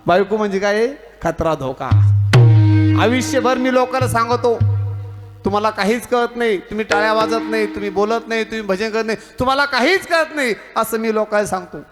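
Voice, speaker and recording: A man's voice: sits high, fairly quick, over music. A man with a Marathi accent, preaching a devotional kirtan full of jokes, stories and acted-out dialogue. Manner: storytelling with jokes and mimicry, teasing the audience. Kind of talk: humorous devotional sermon.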